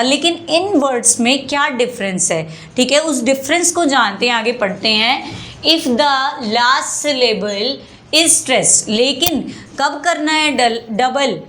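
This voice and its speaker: Slow, patient woman teaching. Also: high voice, a bit bright. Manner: slow and patient, repeats words and asks rhetorical questions. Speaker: English teacher. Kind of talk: classroom lesson explaining spelling rules.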